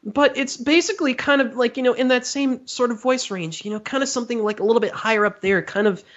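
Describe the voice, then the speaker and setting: A man voicing a preteen-sounding young male anime hero in a high, youthful voice. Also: quick pace, fairly bright tone, lo-fi sound. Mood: eager.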